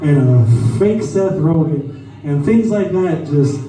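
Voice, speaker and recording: A man's voice: fairly high pitch, lively intonation, warm tone. A man telling crude stories in a stand-up comedy set at a small lounge club, heard echoing from a distance. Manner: crude, storytelling, quick asides. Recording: echoey club from far off.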